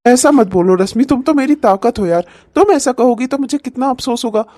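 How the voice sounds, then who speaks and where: A woman voicing a torn young husband who pleads gently in a cartoon comedy. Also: fairly high pitch, animated, a little fast, no echo. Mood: pleading.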